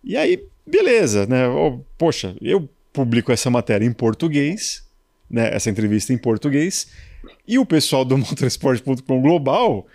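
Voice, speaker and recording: A man from Brazil trading motorsport stories in a relaxed conversation. His pitch swings widely as he animates each anecdote, and the sound is dry and close with no room around it. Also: moderate pace, vocal fry, no room sound. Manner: lively, animated anecdote telling with colloquial asides. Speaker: motorsport journalist. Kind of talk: casual storytelling in a conversation.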